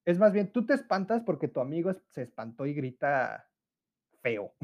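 With a Mexican Spanish accent, a nineteen-year-old man hosts a relaxed solo podcast, chatting in slang, laughing often and voicing his friends. He speaks at normal speed in a sing-song voice on the high side. The recording sounds muffled.

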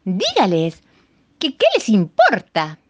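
A woman's voice: medium pitch, huge pitch swings, takes it slowly, a little mellow, dry recording, exaggerated voice. A woman voicing a small, clever male songbird who coaxes and wheedles. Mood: sly, coaxing. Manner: coaxing, wheedling.

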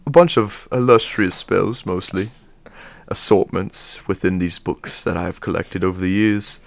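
A man voicing an old British wizard who speaks grandly and slowly of his spells and relics. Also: sits low, vocal fry, slight background noise. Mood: grand, inviting.

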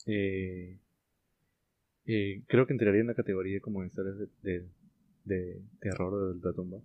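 Low-voiced man telling a story, hesitant. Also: little pitch movement, moderate pace. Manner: hesitant, many fillers and restarts. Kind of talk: casual chat. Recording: lo-fi muffled sound.

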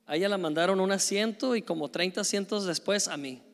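A man preaching a sermon, telling stories in a lively, conversational way with frequent tag questions. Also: sits high, fairly quick, big-room sound. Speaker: pastor. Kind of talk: sermon with storytelling.

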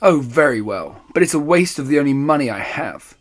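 A man's voice: a little high, animated, fairly quick. A man voicing a poor young miller's son in a storybook reading, grumbling and complaining.

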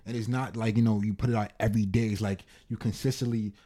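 Lowish-voiced man, casual street slang. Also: fairly even intonation, fast, warm tone. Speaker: podcast host; photographer. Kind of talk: casual chat.

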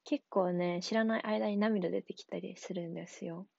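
A young adult woman talking casually on her own, relaxed and rambling, with many fillers and frequent laughs. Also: mid-range voice, moderate pace, creaky, no echo, dull audio. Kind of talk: casual solo talk.

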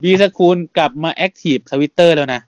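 A man hosting a casual podcast, talking in a relaxed, chatty way and laughing often. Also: fairly high pitch, moderate pace, no room sound, highs cut off. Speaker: podcast host.

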